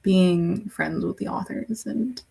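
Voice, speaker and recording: Slow, breathy woman chatting on stream. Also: medium pitch, mellow, poor audio. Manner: chatty, giggly, rambling with restarts. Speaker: livestream host. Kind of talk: casual livestream chat.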